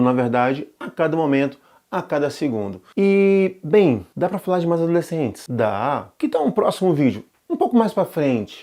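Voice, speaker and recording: A man's voice: medium pitch, mellow. A man hosting a casual explainer, chatty, asking rhetorical questions and correcting himself as he goes. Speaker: show host.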